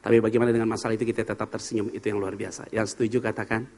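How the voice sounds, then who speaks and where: A man's voice: lowish voice, flat delivery, very fast, a little mellow. A man preaching as a pastor in a church service, telling frank, humorous stories and quizzing the congregation. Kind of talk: sermon.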